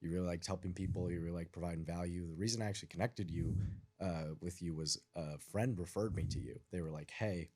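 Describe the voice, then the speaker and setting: A man with a very low voice talks fast as a guest on a casual podcast. His speech is chatty and loose, full of likes and uhs. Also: fairly even intonation, warm tone, slightly rough. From raised in the United States, born in Iran.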